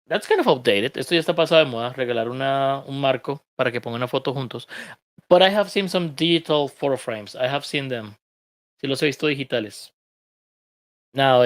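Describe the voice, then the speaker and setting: A man's voice: mid-range voice, a bit bright, no room sound. A Colombian man leads an online English reading class, explaining pronunciation step by step. He drops joking asides along the way. His voice sits mid-range and sounds dry and close. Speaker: English teacher.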